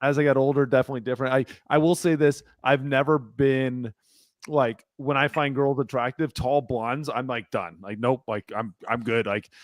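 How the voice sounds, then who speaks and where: A man co-hosting a sports podcast who chats in a relaxed, halting way with lots of fillers. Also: medium pitch, dry recording. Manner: relaxed, hesitant, filler-heavy chat. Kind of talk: casual sports talk.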